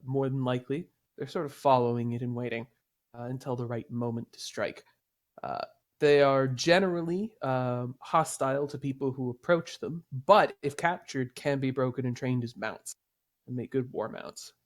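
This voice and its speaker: A man narrating a tabletop game as game master, describing scenes with frequent pauses. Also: medium pitch.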